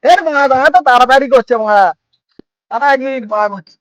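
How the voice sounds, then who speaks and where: Man acting a high-pitched rambling, swearing drunk. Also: brisk, fairly bright tone, dry recording, poor audio. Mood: tipsy. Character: rambling, boastful, foul-mouthed drunk man feeling he could fly. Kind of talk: comedy skit acting in colloquial Bengali.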